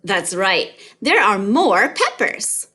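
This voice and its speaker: A woman's voice: mid-range voice, sing-song, takes it slowly, sharp tone. A woman teaching kindergarten math in a sing-song kids show host manner, speaking directly to children and counting along.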